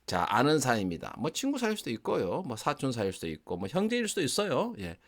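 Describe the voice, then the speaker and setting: A man with a Gwangju Korean accent teaching an online English grammar lesson. He acts out short example dialogues and slows right down for the English phrases. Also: mid-range voice. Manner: lively explaining, acting out example dialogues, slowing for English phrases.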